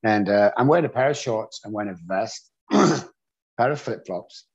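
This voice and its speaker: A man's voice: lowish voice, animated, normal speed, gravelly. A man from England with an English accent, a guest telling his own story in a candid, self-deprecating way. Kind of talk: storytelling interview. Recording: dull lo-fi audio.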